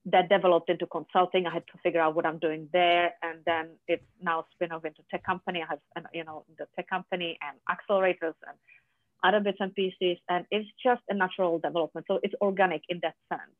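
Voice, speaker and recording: A guest from Czechia with a Czech accent and Czech as a first language, speaking in a halting way with many fillers and restarts in a conversational interview. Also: mid-range voice, flat delivery, dry recording. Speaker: podcast guest, business founder. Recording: dry, tinny phone line.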